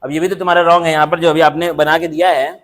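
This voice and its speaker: A man's voice: a little high, flat delivery, rapid-fire, fairly bright tone. A man teaching a coaching class, scolding his students in a stern, repetitive lecturing manner. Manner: stern, lecturing, repeats himself.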